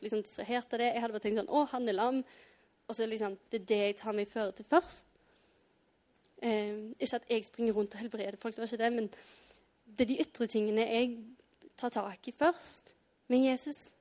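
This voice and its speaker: A woman's voice: on the high side, darkish tone. A woman giving an informal devotional talk, chatty and casual, acting out reactions in between reading. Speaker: preacher.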